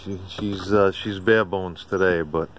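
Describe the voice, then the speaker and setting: Here a man with a deep voice and steady tone talks through an unscripted walkaround video of his own, out on a home driveway. He's a ham radio hobbyist, and his delivery is plain, colloquial and halting. Birds and general outdoor noise come through on the handheld camera or phone held by someone off screen.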